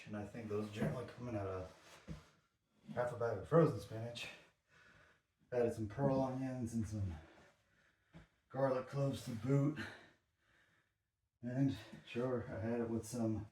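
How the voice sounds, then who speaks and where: A man's voice: mid-range voice, fairly even intonation, a little slow, long pauses, darkish tone, a little hiss or hum. A man talking casually and conversationally in a rambling workout vlog. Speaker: workout vlogger. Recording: roomy echo, distant mic.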